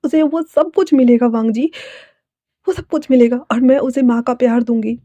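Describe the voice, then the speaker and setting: A woman voicing a desperate young woman who cries and begs her lover to stay, her pitch pushed high and tearful. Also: normal speed, mellow, no room sound, natural voice. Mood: pleading. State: crying.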